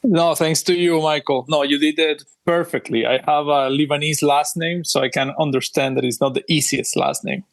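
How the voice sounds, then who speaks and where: Higher-pitched Venezuelan-accented man. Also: steady tone, normal speed, vocal fry, few pauses. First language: Spanish. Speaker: interview guest, policy group president. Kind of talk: explanatory interview talk.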